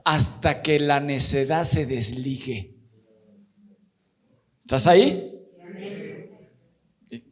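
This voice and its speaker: A man's voice: mid-range voice, very slow, pauses often. A man pastor co-leading a sermon, bluntly challenging listeners with direct questions. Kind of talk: family teaching sermon.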